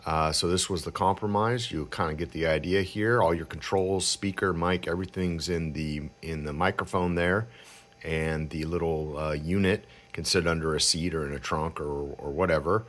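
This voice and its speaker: Guy with a low voice doing an off the cuff radio gear demo, kinda halting, casual. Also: fairly even intonation, fairly bright tone. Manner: hesitant, halting, informal. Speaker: amateur radio hobbyist reviewer. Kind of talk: casual unscripted product demonstration. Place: cluttered indoor radio room at home.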